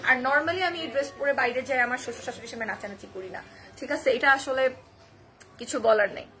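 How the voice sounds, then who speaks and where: A hoarse young woman with a Bangladeshi Bengali accent talks quickly in a high, bright voice as she pitches dresses live. She is chatty and answers viewer comments as she goes, with a faint background hum. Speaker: online boutique live seller. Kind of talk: live-stream sales pitch.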